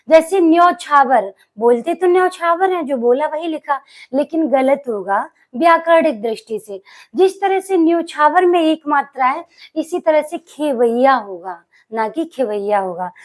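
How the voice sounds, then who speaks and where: A woman with a high voice leads an exam-prep spelling lesson as a teacher. She keeps asking the class questions and answering them herself. She draws out key words slowly to stress how they are spelled.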